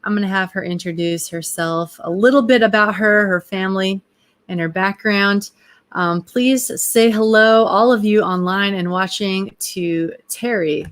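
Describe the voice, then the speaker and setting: A woman's voice: mid-range voice, a little slow. Friendly woman hosting an interview. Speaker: host.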